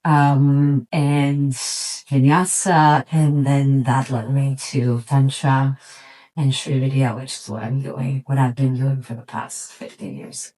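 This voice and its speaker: Low-voiced woman from Serbia, thoughtful. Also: steady tone, mellow, low-quality recording. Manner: thoughtful, reflective, with frequent pauses and restarts. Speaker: yoga teacher and studio owner, guest. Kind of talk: relaxed conversational interview.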